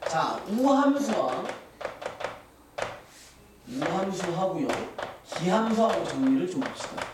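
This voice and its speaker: A man teaching a math class, quizzing his students and answering his own questions. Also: high voice. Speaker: math tutor. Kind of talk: classroom lecture. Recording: echoey classroom, distant mic, hiss.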